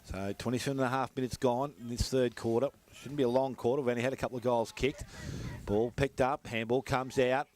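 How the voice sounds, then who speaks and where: An Australian man giving rapid running play-by-play commentary on a local football match. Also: medium pitch, steady tone, a little mellow.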